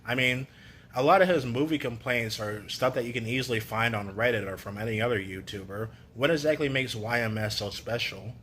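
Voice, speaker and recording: A man's voice: medium pitch, a little fast, a bit bright, a little hiss or hum. A man giving a casual, opinionated rant to camera, sarcastic and full of "you know" fillers. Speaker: YouTube commentator.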